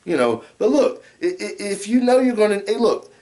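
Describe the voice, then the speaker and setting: This middle-aged American man's voice is notably high, sing-song and a little mellow, moving at a moderate pace. Drunk and casual, he rants vlog-style like an amateur reviewer speaking straight to viewers, rambling, repeating phrases, and cursing heavily.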